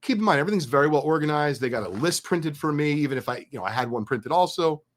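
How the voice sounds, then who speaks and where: A middle-aged man telling a story in an excited, chatty, candid way as a guest. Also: a little high, quick pace. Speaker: card collecting business guest. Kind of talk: animated storytelling.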